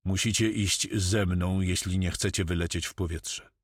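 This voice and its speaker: A man's voice: low voice, fairly even intonation, moderate pace, husky, no room sound, studio quality. A man voicing a commanding pirate captain who gives terse orders.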